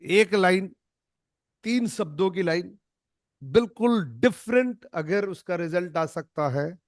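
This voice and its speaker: A man with a notably high voice coaches a group on an online call. He speaks emphatically and keeps re-voicing short example lines to demonstrate tone. The sound is close and dry, with no room. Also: animated, slow pace, no room sound. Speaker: network marketing trainer. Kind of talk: online training session.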